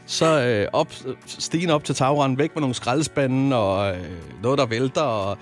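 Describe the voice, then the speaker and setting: A man's voice: mid-range voice, soft background music. A man in his thirties from Zealand, a radio host telling a weekend story in casual chat, full of fillers and restarts. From Zealand, Denmark.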